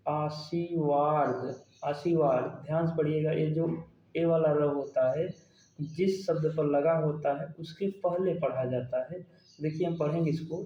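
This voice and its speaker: A man's voice: on the high side, warm tone. Man teaching in an echoey room. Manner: explains step by step, asks questions then answers them. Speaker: Hindi grammar teacher. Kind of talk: exam-prep lesson. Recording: dull, roomy sound.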